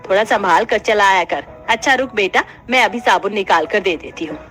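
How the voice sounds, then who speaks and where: A woman voicing a stingy older mother-in-law in an animated family story, bossy and scolding. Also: mid-range voice, brisk, soft background music, lightly acted. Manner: scolding, penny-pinching.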